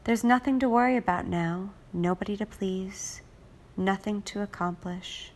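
Slow, soothing woman guiding relaxation. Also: medium pitch, steady tone. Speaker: hypnotist. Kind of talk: guided relaxation script.

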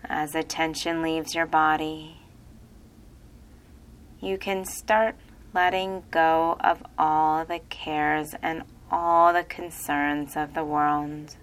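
A woman leads a listener into deep relaxation, her low voice moving at an unhurried, drawn-out crawl. Her tone is smooth and clear, and every phrase comes soft and repetitive, like a hypnotherapist's script. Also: flat delivery. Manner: slow soothing repetitive delivery.

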